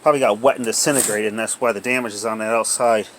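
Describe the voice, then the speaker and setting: A man with a lowish, fairly evenly intoned voice talks fast while casually narrating an unboxing off the cuff. He's an amateur unboxing video maker recording indoors at home on a handheld cell phone, with slight background noise.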